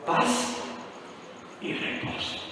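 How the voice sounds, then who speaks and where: A man's voice: drawn-out words, crowd noise. A man preaching a sermon to a congregation, retelling a story dramatically and putting questions to his listeners. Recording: very echoey hall with long reverb.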